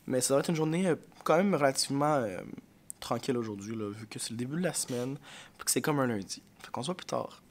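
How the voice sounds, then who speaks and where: Congested and speaking with a Quebec French accent, a male elementary school teacher talks to camera in a casual vlog, recorded on the camera mic with a little hiss or hum. His mid-range voice is expressive and quick, and his manner is rambling, weary and frank.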